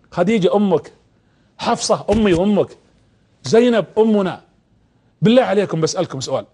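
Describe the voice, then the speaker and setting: A man with a high, slightly mellow voice preaches on television from a studio. He speaks emphatically, repeats words, and asks viewers direct questions.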